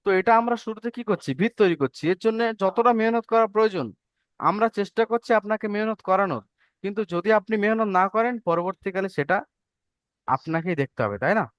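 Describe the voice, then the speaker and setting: A man's voice: sits high, fast, smooth, dry recording, highs cut off. A man teaching Arabic letters to an online class, patient and checking often that students follow. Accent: Bengali. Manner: patient, repeats and checks understanding.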